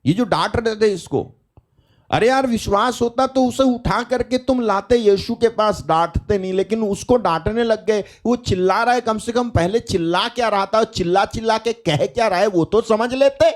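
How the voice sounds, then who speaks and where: A male preacher with a fairly high-pitched voice delivers a live sermon. He talks emphatically, firing off rhetorical questions and breaking in with calls of hallelujah. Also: normal speed. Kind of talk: live online prayer meeting.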